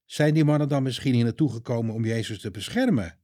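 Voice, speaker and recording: A man's voice: mid-range voice, fast talker, dark tone, dry recording, studio quality, lightly acted. A man voicing Peter, a brave adult man who is bewildered and anxious, in a storybook reading. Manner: anxious, disbelieving inner voice.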